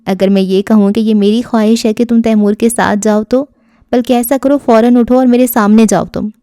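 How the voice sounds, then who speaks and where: A woman's voice: a little high, fairly even intonation, mellow, dry recording, close to an everyday voice. A woman doing a bossy, scolding older aunt. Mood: commanding.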